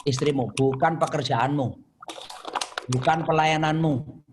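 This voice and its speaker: A man, a pastor, answering live questions about marriage conflict in a lively, storytelling way, acting out quarrels and quoting scripture. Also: fairly high pitch, measured pace, background noise. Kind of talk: answering questions in an online session.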